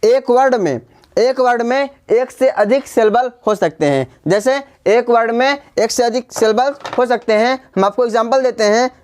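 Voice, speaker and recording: Teacher, female, Hindi accent, slightly high voice, patient drilling delivery that spells out words. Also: a little slow, a little mellow. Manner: repetitive, spells words letter by letter, frequent "ठीक है" check-ins. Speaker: English grammar teacher. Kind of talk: classroom-style grammar lesson.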